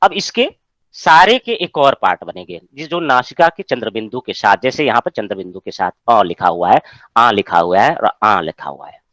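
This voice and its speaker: A male teacher holds a Sanskrit class over a video call, his pitch rising and falling animatedly as he explains. He keeps pausing to ask whether everyone has understood. The sound is close and dry. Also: big pitch swings, fairly bright tone, no room sound. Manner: explains patiently, checks with students often. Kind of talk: online class lecture.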